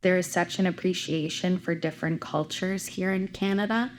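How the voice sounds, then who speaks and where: Low-voiced woman musician, enthusiastic. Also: steady tone, normal speed, slight background noise. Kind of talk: documentary interview.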